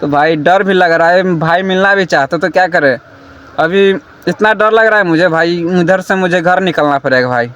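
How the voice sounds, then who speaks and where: A man narrates a spooky vlog from an abandoned hut at night, nervously calling to and begging an invisible spirit. His high-sitting voice moves at a moderate pace, fairly bright, clear, and resonant.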